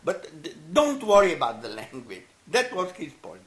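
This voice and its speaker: A rather high-pitched older man, his voice swinging hugely in pitch, reflects on interview questions. He's an anthropologist and native Italian speaker, warm and halting, prone to stammering, restarting, and soft laughs. Roomy echo and faint noise mark the recording.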